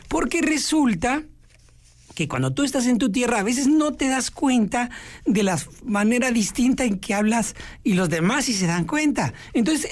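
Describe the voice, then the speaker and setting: A woman with a Mexican accent hosting a radio music program, chatting casually and acting out little voices. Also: fairly high pitch. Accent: Mexican Spanish. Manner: chatty, animated, acts out voices in quotes. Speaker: radio host.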